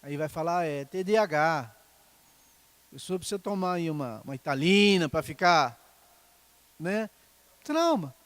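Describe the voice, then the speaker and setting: High-voiced pastor, chatty sermon. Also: male voice, big pitch swings, unhurried, pauses often, fairly bright tone, no room sound. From Brazil. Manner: conversational, often asking the congregation "tá, irmãos?".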